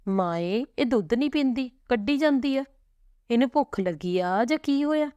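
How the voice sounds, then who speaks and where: A woman's voice: fairly high pitch, expressive, moderate pace, warm tone, clean tone, dry recording, lo-fi sound, pitched above the performer's own voice, close to an everyday voice. A woman voicing an anxious young mother who asks pleading questions in a raised voice.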